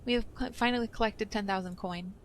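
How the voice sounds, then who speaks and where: A woman's voice: medium pitch, fast, slight background noise. A young woman hosting a let's play, chatting casually and thinking aloud as she plays. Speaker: gaming channel host.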